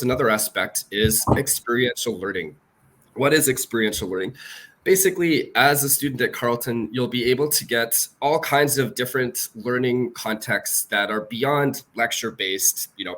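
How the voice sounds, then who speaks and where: A man moderating a university information session panel, speaking in a measured way with frequent fillers. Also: mid-range voice, fairly bright tone.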